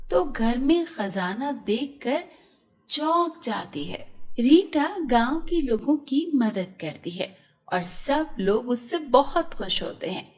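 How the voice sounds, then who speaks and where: Children's story narrator, woman, slow, expressive, high lively voice.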